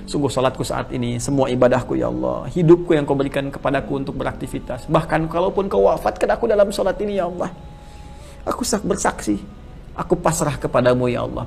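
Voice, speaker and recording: Fast-talking gravelly male preacher. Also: mid-range voice. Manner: swings from loud emphatic teaching to hushed, prayerful recitation. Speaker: Islamic preacher. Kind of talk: sermon answering a question.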